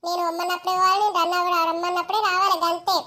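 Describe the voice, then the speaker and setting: A woman's voice: extremely high pitch, flat delivery, rapid-fire, sharp tone. A woman voicing a bossy, scheming old grandmother in a cartoon, with a Telangana Telugu accent. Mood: scolding. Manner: scolding, domineering.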